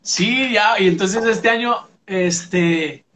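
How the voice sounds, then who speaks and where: Chatty Mexican man with a slightly high voice. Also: slow pace, fairly bright tone. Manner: conversational, many fillers and "pum" sound effects. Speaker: musician interviewee. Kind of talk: casual interview.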